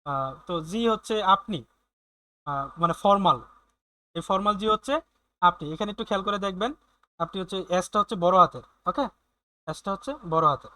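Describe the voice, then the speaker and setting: A man teaching German in an online class, explaining slowly with many fillers and often checking in with his students. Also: high voice, pushed and bright, no room sound.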